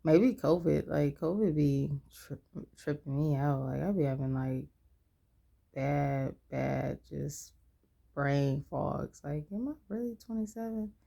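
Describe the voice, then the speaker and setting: Tired twenties woman vlogging, rambly, keeps losing her thought, low gravelly voice. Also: slow, warm tone. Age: 20s. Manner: rambling, loses her train of thought, many fillers. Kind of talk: candid personal vlog.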